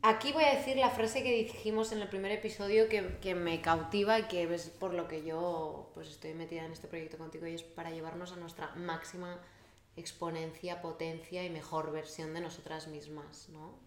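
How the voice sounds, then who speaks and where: A woman from Spain co-hosting a podcast, lively and emphatic with a teasing edge. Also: on the low side, moderate pace, reverberant, a little hiss or hum. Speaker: podcast co-host. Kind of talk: casual chat.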